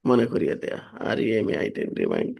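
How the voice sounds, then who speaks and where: A man's voice: sits low, wildly swooping pitch, fast, creaky, a little mellow, husky. A man teaching English vocabulary, steadily reading verb forms and their meanings. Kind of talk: vocabulary lesson, reading word lists with translations.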